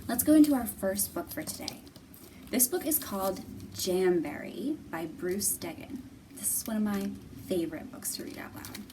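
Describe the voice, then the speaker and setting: At normal speed and in a mid-range voice, a woman teaches young children and reads them a picture book during library storytime. Her phrases are simple, repetitive and encouraging; the noisy room is picked up on a distant mic.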